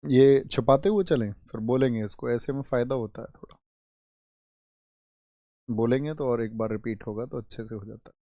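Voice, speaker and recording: With long pauses at a normal pace, a young man teaching an online exam-prep class poses questions and answers them himself, at times scolding in exasperation. His voice is medium-pitched and mellow, on a dry, studio-quality recording.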